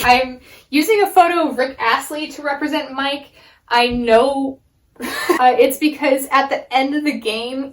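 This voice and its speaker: A woman hosting casual, comedic game lore commentary in an animated, sarcastic way with drawn-out emphatic words. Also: fairly high pitch. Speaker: video essay host.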